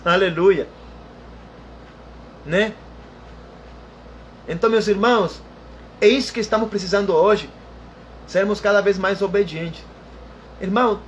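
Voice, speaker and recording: High-voiced man preaching a sermon. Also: a little hiss or hum. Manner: repetitive, emphatic preaching with frequent "irmão" and "aleluia".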